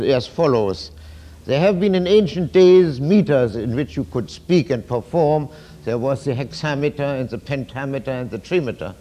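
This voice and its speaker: Male lecturer, mellow and darkish tone, halting delivery with restarts, philosophical and emphatic. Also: a little high. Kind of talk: university lecture.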